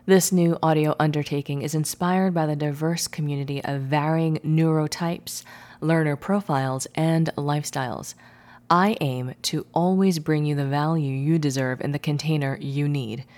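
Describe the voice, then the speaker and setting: A woman with a low voice hosts an audio newsletter. She reads her script with poise, addressing the listener intimately, as one person to another. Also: a little mellow. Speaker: host and coach reading her newsletter.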